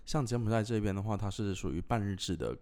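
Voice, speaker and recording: Deep-voiced young man chatting. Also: quick pace, a little mellow. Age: young adult. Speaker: podcast co-host. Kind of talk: casual chat.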